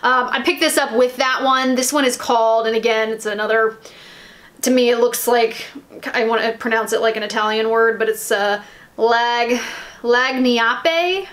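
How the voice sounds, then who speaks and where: A woman's voice: a little high, flat delivery, moderate pace, a bit bright. An American woman chatting casually about nail polish, rambling, with lots of ums and restarts. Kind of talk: casual haul chat.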